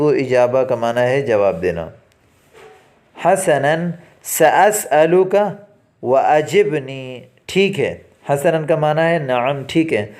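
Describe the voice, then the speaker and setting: A male teacher giving a classroom lesson, reading each Arabic phrase slowly and deliberately and then explaining it quickly in Urdu. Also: on the high side, darkish tone. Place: academy lesson recording.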